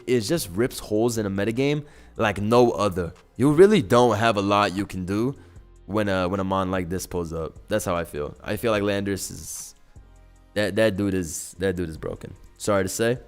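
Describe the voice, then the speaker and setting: A young man streaming live gameplay commentary, excitable and profane, full of slang, swinging from low mumbles to loud yelling. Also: normal speed, smooth, soft background music. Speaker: gaming streamer.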